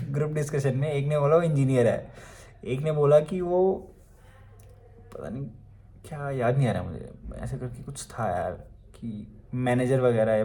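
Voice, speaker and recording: A man's voice: medium pitch, a little mellow. Chatty young Indian man telling a story. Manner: chatty, many fillers and asides. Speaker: vlogger. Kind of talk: casual storytelling.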